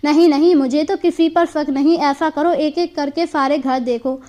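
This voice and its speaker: A grumbling, jealous merchant from a folk tale protests in a whiny, high voice, as a woman reads him out. He complains and bristles, his lines delivered in a simple storybook manner. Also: steady tone, normal speed, mellow, natural voice. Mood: protesting. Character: greedy, jealous middle-aged male merchant. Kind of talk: storybook character voice.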